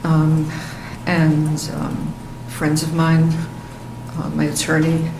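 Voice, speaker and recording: A woman's voice: low voice, completely flat delivery, slow. An older woman testifying as a witness, giving plain, hesitant answers to questions in court. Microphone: witness-stand microphone. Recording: echoey courtroom with clear background noise.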